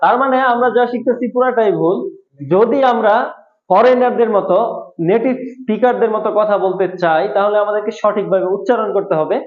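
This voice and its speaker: A man's voice: sits high, a little fast. A man teaching English to a class, asking a question and then repeating it to the students. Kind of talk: classroom lesson with call and response. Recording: echoey room, tinny phone-like sound.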